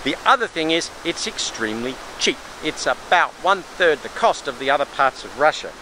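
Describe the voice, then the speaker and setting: Aussie travel vlogger guy, middle aged, forceful bright voice, bit of outdoor noise behind. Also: fairly high pitch, very animated, fairly quick, low-quality recording. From Australia. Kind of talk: informative travel vlog narration. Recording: faint outdoor background noise.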